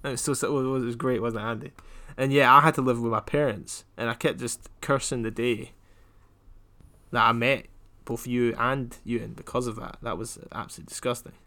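A young man from Scotland in casual podcast chat, telling jokes in a flat deadpan way and wandering off on tangents. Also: mid-range voice, fairly quick. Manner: deadpan, rambling joke-telling. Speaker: podcast co-host.

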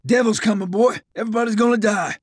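A man's voice: sits high, fairly even intonation, quick pace, husky, no room sound, studio quality, voice pushed up. A male narrator voicing a blunt, fatalistic soldier with a drawl. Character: frightened Southern American soldier, man, blunt and fatalistic.

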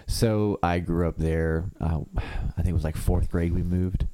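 Man, early 30s, from Kentucky, very low voice, relaxed rambling chat, studio mic. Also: normal speed. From Kentucky, USA. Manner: laid-back, leans on "like" and "uh" a lot. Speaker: guest musician. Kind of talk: casual interview chat.

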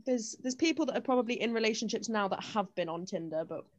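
A woman's voice: a little high, fast, no echo, highs cut off. A young woman co-hosting a podcast, telling stories in a chatty way with lots of fillers. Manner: chatty storytelling, many fillers and restarts. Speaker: podcast co-host. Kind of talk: casual chat.

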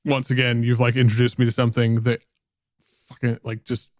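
A male podcast host talks casually about music he loves, relaxed and enthusiastic, with a curse here and there. His voice sits in a middle pitch. The recording is dry with no room sound. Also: brisk, no echo.

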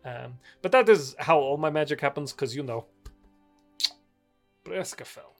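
A woman's voice: low voice, measured pace, soft background music. A woman playing a tabletop game, chatting casually in character in an effusive, jokey way. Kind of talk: casual in-character improvised chat.

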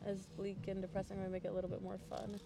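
A woman guest on a casual podcast who is giggly and animated, recorded outdoors in a park gazebo. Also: mid-range voice, fast, gravelly. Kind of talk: casual chat, telling a joke. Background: birdsong and faint Christmas music.

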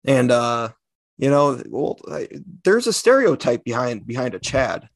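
A man's voice: mid-range voice, big pitch swings, a little slow, dry recording. A man co-hosting a casual podcast with a dry, joking, laid-back way of talking. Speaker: podcast co-host.

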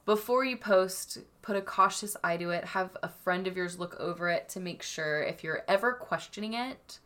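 A woman's voice: fairly low pitch, normal speed, fairly bright tone. A young adult woman co-hosting a podcast, chatting casually and enthusiastically with frequent giggles. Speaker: podcast co-host. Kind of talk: casual chat.

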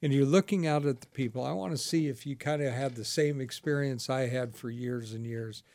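As pastor and host of a ministry talk show, a man conducts a casual interview, asking questions, telling stories, and laughing often. His voice is medium-pitched, brisk, and a little mellow.

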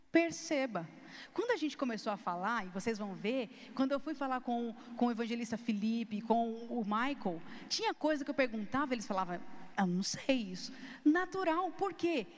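A woman teaching a recorded video lesson, emphatic and animated, often shifting her tone to demonstrate a point and talking to viewers directly in casual slang. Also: fairly high pitch. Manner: lively, emphatic, changes tone and pace often to demonstrate. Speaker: youth ministry teacher. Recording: long reverb, hall-like.

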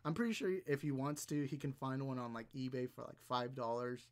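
A man's voice: medium pitch, fairly quick. Young male streamer, casual, rambling, laughing, mid-range voice. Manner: rambling, chatty, laughs often, many ums. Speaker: livestream host. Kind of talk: casual live-stream chat reading viewer comments.

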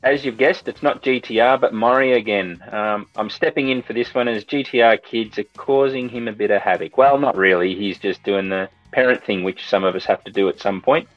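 A man's voice: fairly low pitch, brisk, hardly any pauses, no room sound, muffled recording, faint music behind. A middle-aged man hosting a casual podcast chat in an informal way. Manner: informal, says mate. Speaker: podcast host.

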